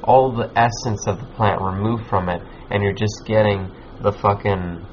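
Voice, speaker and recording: A man's voice: on the low side, fairly even intonation, normal speed. A man chatting casually in a laid-back, slangy stoner manner, rambling and swearing as he hosts. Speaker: podcast host. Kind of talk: casual chat, giving advice. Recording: muffled lo-fi with background noise.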